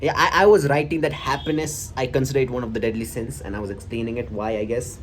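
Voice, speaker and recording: A young man with an Indian accent talks casually and haltingly, reflective and a little self-conscious as he shares his old diary. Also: medium pitch, steady tone. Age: young adult. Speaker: vlogger. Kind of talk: casual personal storytelling, reading from an old diary. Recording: clearly audible background noise.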